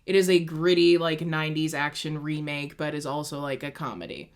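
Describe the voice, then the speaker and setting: Brisk and deep-voiced, a young woman co-hosts a casual conversation, gushing and rambling with lots of "like."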